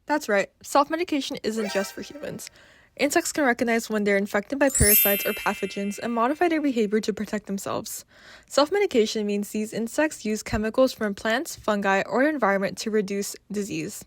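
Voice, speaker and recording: A woman's voice: medium pitch, fairly quick, slight background noise. A woman co-presenter giving scripted educational narration in plain, explanatory words.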